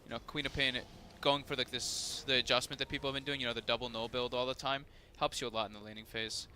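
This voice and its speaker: Fast-talking man giving sharp esports analysis. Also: mid-range voice, level tone, a little hiss or hum. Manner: fast, analytical, many fillers like "like" and "you know". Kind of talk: live esports color commentary.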